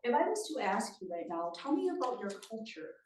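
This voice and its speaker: Very animated and a little fast, a Thai woman with a fairly high, darkish voice gives a conversational presentation at a community meeting, engaging her audience and often checking in. The roomy audio from a distant mic carries a little hiss or hum.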